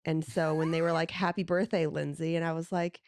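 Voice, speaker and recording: A woman's voice: sits low, level tone, fairly quick, a little mellow, no room sound, studio quality. A woman in her forties co-hosting a podcast, telling stories in casual chat and acting out the dialogue. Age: 40s. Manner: chatty storyteller acting out dialogue. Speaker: podcast co-host.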